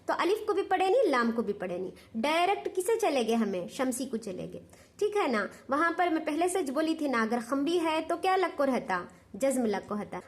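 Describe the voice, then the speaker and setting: A woman teaching Quran recitation rules with a Hyderabadi Urdu accent, explaining step by step, patient and repetitive, checking that her students understand. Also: high-pitched.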